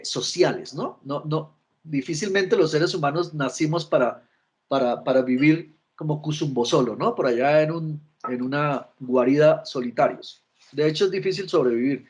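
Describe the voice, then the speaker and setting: A man's voice: fairly high pitch, darkish tone, breathy edge. A middle-aged man giving a virtual lecture on emotional intelligence, often restarting his words and checking in with his listeners. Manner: frequent restarts and repeated words, asks listeners for agreement.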